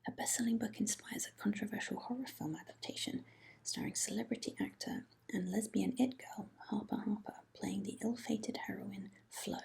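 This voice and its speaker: A woman speaking in a hushed, breathy library whisper, softly chatting and reading aloud as an ASMR host. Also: medium pitch, steady tone, moderate pace, low-quality recording. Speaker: host of an ASMR book haul video.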